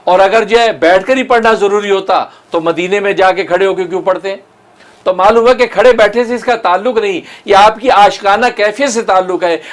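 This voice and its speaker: A man preaching as a mufti, arguing point by point in a rhetorical lecture and quoting scripture. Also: sits high. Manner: rhetorical, argumentative, quotes scripture. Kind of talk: religious lecture.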